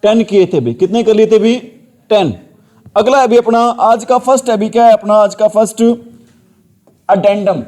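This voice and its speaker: A male teacher runs a classroom lesson, drilling the class with repeated questions. His voice sits high but sounds dark and mellow. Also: normal speed, pauses often.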